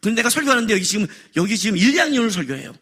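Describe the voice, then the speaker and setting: A middle-aged male pastor delivering a sermon at a worship service, animated and joking, raising his voice for effect. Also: high-pitched, rapid-fire, slightly rough. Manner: animated, jokes and raises voice for effect.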